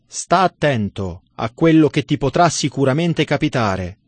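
A man's voice: medium pitch, expressive, a little slow, dry recording. A man reading the lines of a stern male Roman judge, questioning and commanding. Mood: interrogating.

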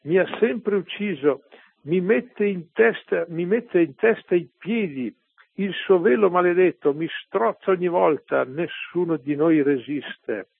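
A man's voice: sits high, unhurried, gravelly, breathy edge, no echo, pitched above the performer's own voice, exaggerated voice. A man voicing a tormented male demon who cries out in anguish during an exorcism, repeating its words, over a tinny phone-like radio broadcast.

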